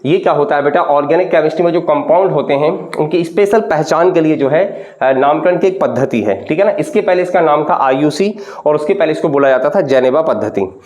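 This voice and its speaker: A man's voice: a little high, expressive, fairly quick, few pauses, a little mellow, lo-fi sound. A man teaching a chemistry lesson to students, patient, often asking questions back and repeating the answers. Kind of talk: classroom lecture.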